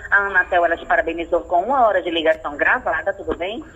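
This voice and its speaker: A man on a landline phone call, announcing a prize in a rapid, insistent scripted pitch and often asking if everything is all right. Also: pushed and bright, slightly rough. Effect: heard over a landline phone. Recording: muffled phone line with faint hiss.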